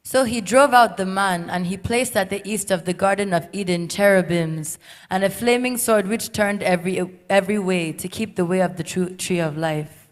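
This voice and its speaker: A woman's voice: medium pitch, normal speed. Woman reading scripture in a hall. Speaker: scripture reader in the congregation.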